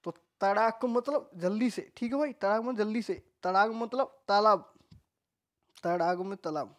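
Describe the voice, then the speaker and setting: A man's voice: high-pitched, normal speed. A male Hindi grammar teacher speaks with a Rajasthani accent, leading an informal exam-prep class. He keeps repeating each word several times and breaks off now and then to chat with his students. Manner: repeats words many times, chatty asides to students. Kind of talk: casual online exam-prep lesson.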